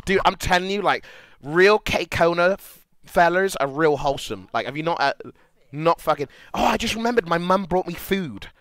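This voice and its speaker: A young man chats casually on a livestream, rambling and swearing with an easy, giggly energy. His voice is bright and sits a little high, moving around a lot in pitch. The sound is close and dry. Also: moderate pace, no room sound. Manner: excitable, profane, rambling, giggly. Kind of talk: casual livestream reaction chat.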